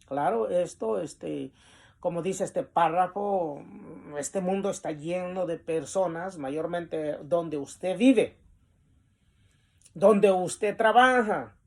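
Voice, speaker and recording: Slow, deliberate male Bible teacher. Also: high voice, vocal fry, a little mellow. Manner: reads definitions from a lesson text, then explains them; deliberate, with pauses and the filler "este".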